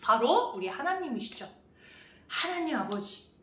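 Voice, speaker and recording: A woman's voice: sits high, big pitch swings, unhurried, sharp tone. A woman preaching to children in a church, telling the story expressively and asking them questions. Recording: echoey church hall.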